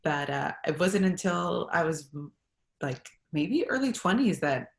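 A low-pitched young woman from Los Angeles, talking as an interview guest. She chats casually and animatedly, laughing often. The sound is roomy and echoing. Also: unhurried, gravelly. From Los Angeles, USA. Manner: animated, laughing, acts out quoted exchanges. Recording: roomy sound with construction noise.

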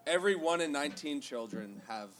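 A man making a prank phone call, talking haltingly with lots of ums. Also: a little high, expressive, loud music behind the voice. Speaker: prank caller.

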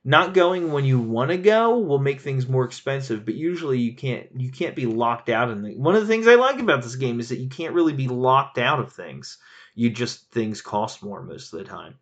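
Animated man rambling about board games. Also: mid-range voice, moderate pace, highs cut off. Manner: animated, laughing, rambling with restarts. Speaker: board game reviewer reading user reviews. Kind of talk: casual chat.

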